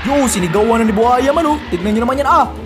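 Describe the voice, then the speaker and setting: A man's voice: very high voice, expressive, fast. Hyped man narrating Minecraft gameplay. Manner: hyped, shouty, constantly addressing viewers. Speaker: gaming YouTuber. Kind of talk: excited Minecraft gameplay commentary. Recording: game music under voice. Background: background music.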